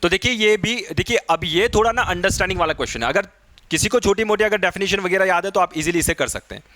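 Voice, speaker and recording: A higher-voiced man teaches physics for exam preparation, walking through questions step by step in a quick, sharp manner. The recording sounds dry. He mixes Hindi with English technical terms and checks in often with short tag questions.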